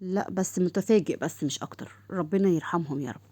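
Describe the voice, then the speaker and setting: A woman voicing a teasing, joking young man, fast and dry. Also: lowish voice, warm tone, dry recording, lightly acted.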